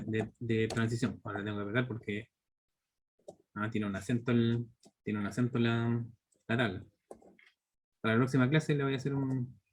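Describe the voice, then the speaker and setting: A man's voice: medium pitch, a little mellow. A man in his thirties with a Chilean accent, teaching a live online programming class step by step and constantly checking in with his students. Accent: Chilean Spanish. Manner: explains step by step, checks in with students through constant tag questions. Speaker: university teacher.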